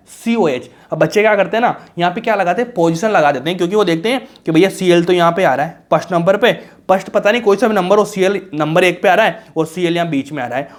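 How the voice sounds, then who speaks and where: Young male tutor, rapid casual lecture, asks and answers his own questions, slightly high voice. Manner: rhetorical questions answered himself; colloquial, reassuring, calls students bhaiya and raja. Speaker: chemistry teacher. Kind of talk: casual exam-prep lecture.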